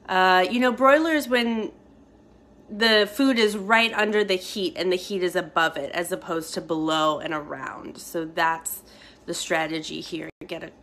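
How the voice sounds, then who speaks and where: In her home kitchen, a woman records a casual cooking vlog on a handheld phone, chatting with real enthusiasm. Her voice is lowish and a bit bright.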